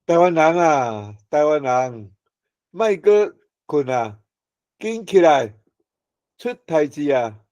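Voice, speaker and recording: A man's voice: on the high side, animated, takes it slowly, long pauses, a little mellow, no room sound. A man playing a kindly, worried local earth god in a folk tale, fretful and earnest, with a Taiwanese accent. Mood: urgent warning.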